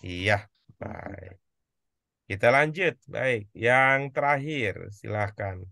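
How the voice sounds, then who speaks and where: A man's voice: medium pitch, lively intonation, drawn-out words, vocal fry, bright, forceful tone, no echo, studio quality. A man with an Indonesian accent tutoring informally as a teacher, encouraging and instructive. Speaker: Arabic teacher. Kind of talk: informal tutoring, coaching a learner.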